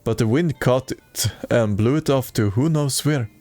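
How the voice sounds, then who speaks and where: A man's voice: medium pitch, unhurried, darkish tone, faint music behind. A man streaming a video game and reading its dialogue aloud in a plain way, with occasional stumbles.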